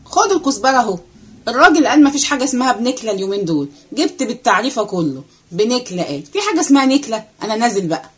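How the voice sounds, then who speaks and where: A cheeky young Egyptian servant boy, as a woman puts him on for a read-aloud play. He rattles off a breathless running commentary in a high, bouncing voice with a husky edge. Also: heavily acted. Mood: hurried. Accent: Egyptian Arabic. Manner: excited rapid chatter, running commentary.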